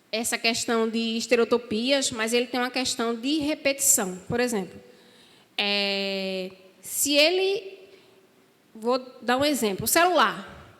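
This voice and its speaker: A woman speaking to a church audience in a warm, conversational way, often checking in with "né?". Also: on the high side. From Brazil. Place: church hall. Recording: reverberant hall.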